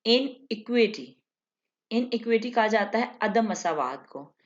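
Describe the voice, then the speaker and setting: Slow-paced woman teaching vocabulary. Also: on the high side, lively intonation, highs cut off. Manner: slow, repeats each word and its meaning. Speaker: English teacher. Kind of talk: vocabulary lesson.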